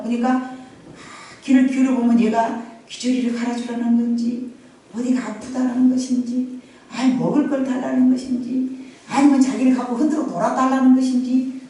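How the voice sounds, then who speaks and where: A middle-aged woman pastor telling a Bible story in a lively, conversational sermon, repeating phrases and addressing the congregation directly. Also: fairly high pitch, brisk. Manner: animated, repetitive, conversational asides to the congregation. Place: church sanctuary. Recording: very echoey sanctuary, from far off.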